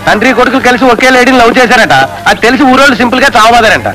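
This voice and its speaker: A high-voiced wisecracker. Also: male voice, loud music behind the voice, rough recording. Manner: quick, joking retorts. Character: wisecracking, joking man. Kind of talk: film comedy dialogue.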